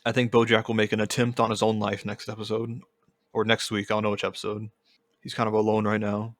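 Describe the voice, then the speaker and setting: Laid-back low-voiced man podcasting. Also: monotone, quick pace, no room sound. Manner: laid-back, laughs often, rambling asides. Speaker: podcast co-host. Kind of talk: casual chat.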